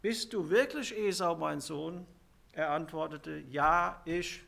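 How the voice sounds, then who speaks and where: Male preacher, fairly high gravelly voice, slow, emphatic sermon delivery. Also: sharp tone. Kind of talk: sermon on scripture.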